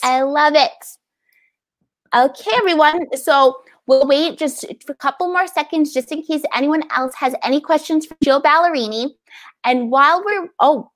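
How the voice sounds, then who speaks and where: This library event host, a woman in her thirties from New York City, runs a relaxed video-call interview and reads audience questions aloud with gushing chattiness. Her voice sits high with a fairly bright tone.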